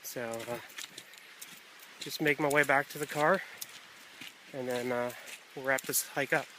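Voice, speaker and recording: A man narrating a hiking vlog in a casual, unscripted way, often pausing mid-thought, recorded outdoors on a handheld camera. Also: medium pitch, fairly even intonation. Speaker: hiker filming a trail vlog. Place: outdoors on a wooded rocky trail near a stream. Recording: outdoor camera audio with ambient noise.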